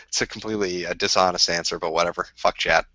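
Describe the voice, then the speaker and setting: A man's voice: sits low, steady tone, fast talker, bright, forceful tone, no room sound, muffled recording. A drunk man from Minnesota with a Minnesota accent, rambling crudely in casual livestream chat and laughing often. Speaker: streamer.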